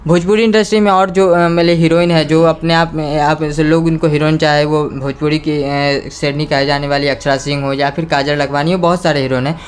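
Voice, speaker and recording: A man's voice: on the high side, fairly even intonation, a little fast, hardly any pauses, clean tone. A man interviewing a guest as a reporter, pressing her with probing questions. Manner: probing questions, constant "hmm" acknowledgements. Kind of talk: street interview.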